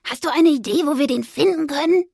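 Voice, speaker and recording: A woman voicing a shy, gentle little mouse in a children's story, with a high, squeaky, timid voice. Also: brisk, creaky, no room sound, clean studio sound. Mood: gentle, eager.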